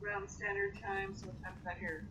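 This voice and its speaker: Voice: medium pitch, little pitch movement, a little fast, far from the mic, noisy background. Dry, teasing co-player on a stream. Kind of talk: casual gameplay chat.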